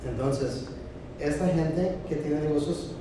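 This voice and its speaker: A man from the United States with an American accent, a native English speaker giving unscripted panel remarks in halting, non-fluent Spanish. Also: fairly high pitch. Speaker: expert panelist. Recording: very echoey hall, distant, noisy.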